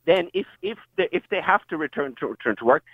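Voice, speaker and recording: A man's voice: on the high side, lively intonation, fast talker, creaky, no echo. A man with a west of Ireland accent argues insistently as a caller in a heated radio phone-in debate, over a thin phone line. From County Mayo, Ireland. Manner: insistent, argumentative.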